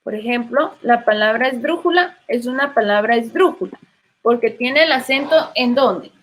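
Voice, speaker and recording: A woman's voice: a little high, normal speed. A woman with a Guatemalan Spanish accent teaching literature in an online class, patiently prompting students with questions.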